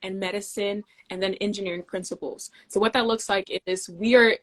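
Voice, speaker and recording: A young Danish woman, an engineer appearing as a guest in a casual interview, speaks at an even middle pitch. She explains technical ideas step by step in a measured, friendly way.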